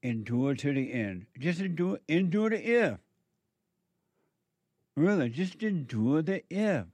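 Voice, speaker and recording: A man's voice: fairly high pitch, very animated, slow, a little mellow, no echo. A man hosting a call-in show, exhorting listeners in a preachy way before taking callers. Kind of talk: call-in radio talk.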